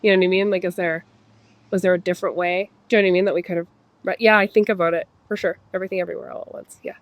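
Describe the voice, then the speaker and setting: A woman's voice: lowish voice, steady tone, very fast, no room sound. A woman chatting casually as an interview guest, rambling as she thinks aloud and voices imagined reactions. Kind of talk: casual chat.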